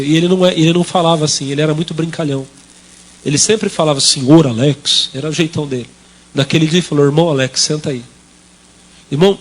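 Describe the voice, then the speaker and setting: A man from Brazil with a São Paulo state accent, preaching a sermon as pastor and telling a personal story while addressing the congregation directly. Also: high-pitched. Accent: Brazilian Portuguese, São Paulo state. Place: church hall.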